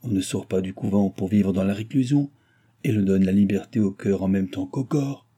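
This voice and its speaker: A man's voice: low-pitched, normal speed, warm tone, slightly rough. A man reading the part of a commanding male mesmerist who questions a young woman in trance, insistent and curt. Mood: probing.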